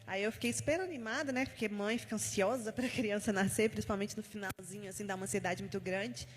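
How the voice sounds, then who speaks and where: A woman's voice: medium pitch, fast talker. A woman giving a personal testimony at a church service, telling her story with heartfelt feeling and often recounting what was said to her. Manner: heartfelt storytelling, retelling conversations. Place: church hall. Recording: long reverb of a large church hall.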